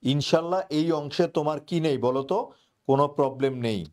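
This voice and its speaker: A young man teaching grammar, his voice sitting a little high for a man. He drills his students over and over, asking a question and then supplying the answer himself. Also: quick pace, a little mellow. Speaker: admission coaching teacher. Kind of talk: online grammar class.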